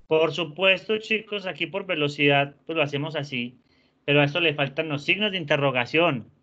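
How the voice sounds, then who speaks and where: A man teaching an online class, patient and encouraging, often softening words with diminutives. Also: fairly high pitch, brisk. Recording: dull lo-fi sound.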